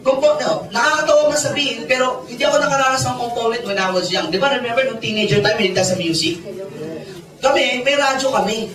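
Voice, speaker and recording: A man's voice: very high voice, quick pace. A man, giving a playful storytelling seminar talk and teasing his audience. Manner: playful, teasing the audience, mixes Tagalog and English. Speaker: network marketing seminar speaker. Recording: echoey room, mic far off, audience chatter.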